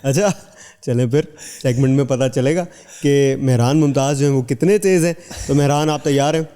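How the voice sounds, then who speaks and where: A man's voice: mid-range voice, dark tone, clear, resonant tone. Upbeat male host in a reverberant room. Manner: upbeat, brisk questioning. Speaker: podcast host. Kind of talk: podcast interview.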